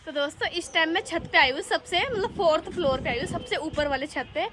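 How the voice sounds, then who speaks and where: A woman's voice: very high-pitched, brisk, over music. A young woman from Uttarakhand, chatting casually to her viewers as she walks around with a phone camera. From Uttarakhand, India. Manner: chatty, addresses viewers directly, calls them bhai. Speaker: vlogger. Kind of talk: casual walking vlog. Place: house and streets in a hill town, indoors and outdoors.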